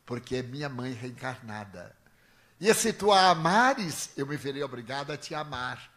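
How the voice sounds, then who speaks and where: A man's voice: mid-range voice, fairly even intonation, fairly quick, fairly bright tone, natural voice. A man voicing a domineering male spirit that gives curt commands. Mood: pleading.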